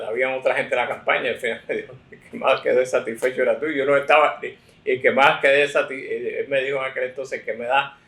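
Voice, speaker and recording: A man's voice: medium pitch, a bit bright. A man in his sixties, a political consultant telling his career story in an interview, full of fillers and self-corrections. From United States. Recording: roomy echo.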